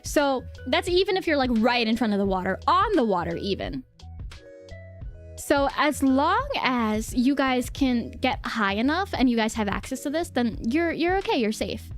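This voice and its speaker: A woman with a high-pitched voice chats to her livestream viewers as she explains things. Her delivery is informal and giggly, with phrases often repeated. Music plays behind her. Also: big pitch swings, moderate pace. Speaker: livestream host.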